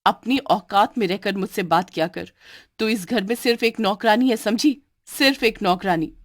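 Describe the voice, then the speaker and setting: A woman's voice: a little high, lively intonation, moderate pace, darkish tone, no room sound, studio quality, voice pushed up, lightly acted. Woman doing a spoiled, haughty young wife. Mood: angry. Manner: haughty, demanding. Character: young arrogant new wife, spoiled and cruel. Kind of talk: cartoon voice acting.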